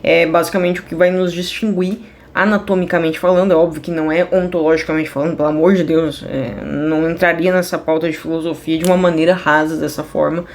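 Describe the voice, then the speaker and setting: A woman's voice: low-pitched, fairly even intonation, quick pace, few pauses. A woman teaching a class in a casual, chatty way, drifting off topic and correcting herself with many fillers. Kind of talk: casual online class explanation.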